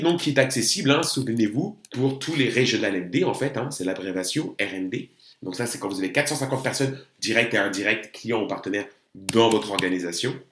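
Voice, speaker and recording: A man's voice: medium pitch, fairly bright tone. A man speaking French, giving a persuasive sales presentation that mixes in rhetorical questions. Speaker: business opportunity presenter. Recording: roomy echo.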